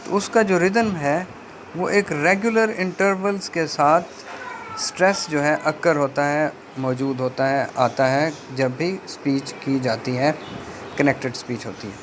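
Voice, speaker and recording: A male lecturer talks through a textbook, pausing often and reading the English lines out very slowly. His voice sits a little high for a man, and the pace stays unhurried throughout. A faint hiss of background noise runs under the recording. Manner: slow, deliberate explanation with many hesitations, reads English passages very slowly. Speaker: linguistics lecturer.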